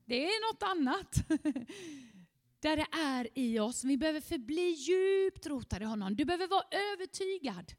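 A woman preaching a fervent sermon, at times rising almost to shouting. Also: high voice, expressive, big-room sound.

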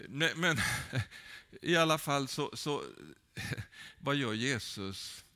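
A man's voice: medium pitch, expressive, sharp tone. A man preaching a sermon with fervent, rising calls and many hesitant fillers.

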